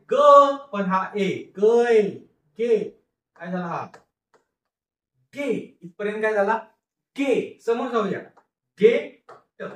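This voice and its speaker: A male teacher with a Marathi accent giving a phonics reading lesson, drawing out syllables slowly and asking questions that he answers himself. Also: high voice, roomy sound, far from the mic. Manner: slow, drawn-out syllables, repeats and drills words.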